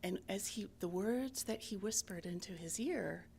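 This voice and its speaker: Gravelly-voiced woman telling a parable. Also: medium pitch, moderate pace, a little hiss or hum. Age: middle-aged. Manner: gentle, homely storytelling with fillers. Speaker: guest speaker at church. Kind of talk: storytelling a parable in a sermon.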